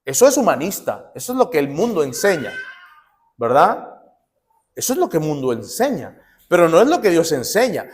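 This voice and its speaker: Animated high-voiced male pastor preaching. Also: moderate pace, slight background noise. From Nicaragua. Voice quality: lively, swings between loud emphasis and soft asides. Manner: preaching with rhetorical questions and acted-out quotes. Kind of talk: sermon.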